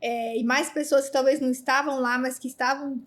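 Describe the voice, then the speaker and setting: A woman host asking an interview question in a hesitant, halting way. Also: high-pitched, steady tone.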